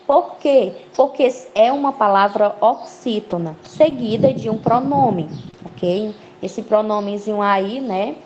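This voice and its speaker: A woman's voice: medium pitch, slow. A woman teacher giving an online class, explaining step by step and checking in with frequent "ok?" as she goes. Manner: lively, rising emphasis on key words. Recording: slightly dull lo-fi audio with faint noise.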